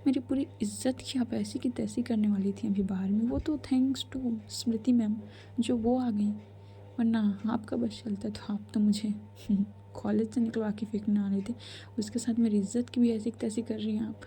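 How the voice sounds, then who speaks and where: A woman's voice: on the high side, fairly even intonation, normal speed, mellow, close to an everyday voice. A woman voicing a timid, tearful young college girl in a told love story. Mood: indignant.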